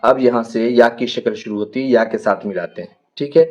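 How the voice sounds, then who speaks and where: A man teaching a Quran reading lesson, stretching out each letter name, then explaining quickly in between. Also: medium pitch, a little mellow. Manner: drawn-out letter names called slowly, then quick explanations. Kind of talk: teaching a Noorani Qaida lesson.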